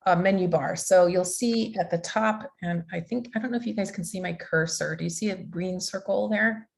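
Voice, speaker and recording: A woman's voice: on the low side, normal speed, creaky. A woman teaching an online digital art workshop over a video call, chatty and loose, with many fillers and restarts.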